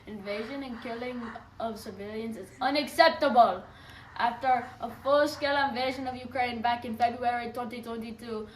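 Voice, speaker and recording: A fairly high female voice comes from a little way off the mic in an echoey room. She gives scripted answers as an interview guest. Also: distant mic, slight background noise.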